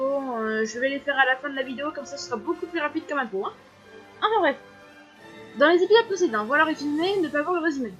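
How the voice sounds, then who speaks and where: A woman's voice: sits high, fairly bright tone. A young woman casually commenting and reading aloud while playing a story game, joking, swearing and laughing often. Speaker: let's-play gamer. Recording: slightly muffled, faint music behind.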